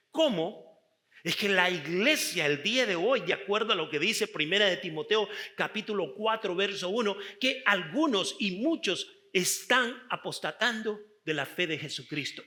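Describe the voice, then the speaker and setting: A middle-aged male pastor preaching a sermon, emphatic and drawn out, with sudden shifts in loudness. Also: high voice, lively intonation, moderate pace.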